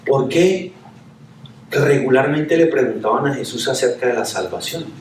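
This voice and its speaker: A man's voice: mid-range voice, moderate pace, slight background noise. A male pastor preaching a sermon, chatty and full of rhetorical questions. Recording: echoey room, from a distance.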